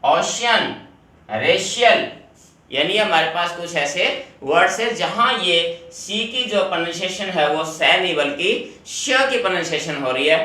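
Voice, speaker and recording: Male teacher, bright voice, recorded off-mic in a very echoey room. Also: high-pitched, moderate pace, hardly any pauses, distant mic. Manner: explains step by step, repeats rules, addresses students directly. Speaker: English teacher. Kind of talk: classroom video lesson.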